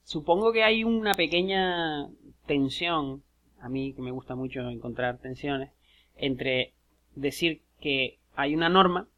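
A man's voice: fairly high pitch, measured pace, sharp tone, muffled recording. A man co-hosting a podcast in casual chat, musing aloud and reflecting on ideas. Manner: musing, acts out little dialogues. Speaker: podcast co-host.

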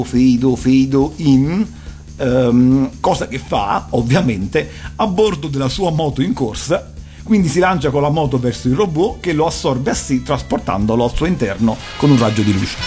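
A man giving an erudite, didactic commentary on animation. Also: a little high. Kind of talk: explanatory talk, analysing cartoons. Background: soft music.

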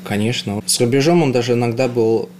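Young man, casual halting interview answers, faint noise. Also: mid-range voice, a little mellow. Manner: hesitant, halting, with frequent restarts. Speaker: interview guest. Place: house.

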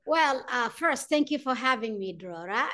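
A middle-aged woman from Ethiopia, a chef telling her story in a podcast interview, speaking with many pauses and fillers. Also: fairly high pitch, lively intonation, pushed and bright. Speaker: chef and guest.

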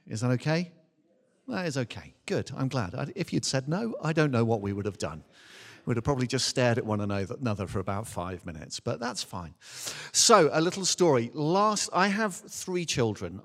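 In a large indoor church hall, a middle-aged minister with a mid-range voice preaches an anecdotal sermon, telling a personal story in a chatty, self-deprecating and animated way. The live recording is reverberant, with informal storytelling throughout.

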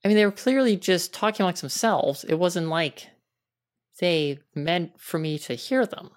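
A woman talking in casual conversation, hesitant and halting, with many restarts. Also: lowish voice. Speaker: guest.

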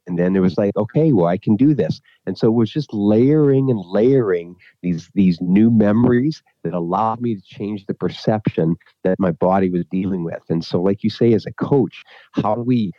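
Brief: male guest expert, very deep voice, hesitant, dull dry recording. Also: dry recording. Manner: thoughtful, hesitant, many restarts. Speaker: podcast guest, neuropsychologist. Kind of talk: conversational interview.

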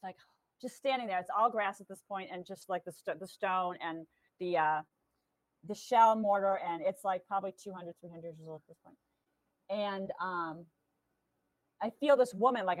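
A woman medium telling stories in casual chat, animated and acting out voices with laughter. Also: mid-range voice, no room sound, poor audio. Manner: lively, animated, acts out quotes with laughter. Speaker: guest medium.

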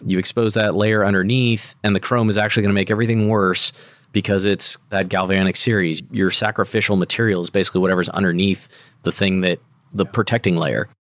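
Man, podcast co-host, low pitch, colloquial technical explainer, very dry close sound. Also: fairly even intonation, quick pace, fairly bright tone, dry recording. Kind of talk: casual technical discussion.

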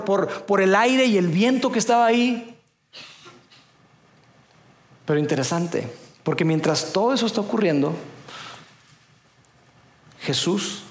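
A pastor preaches a sermon, telling the story playfully with dramatic pauses. His voice sits high, and it echoes in a roomy space.

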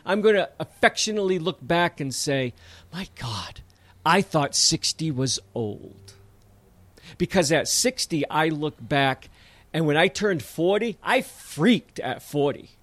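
A man in his fifties with a notably high voice holds forth as a podcast host. He talks bluntly and with emphasis, turning to his listeners as folks. The recording is close and dry, with no room sound. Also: no echo. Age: 50s. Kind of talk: casual podcast monologue.

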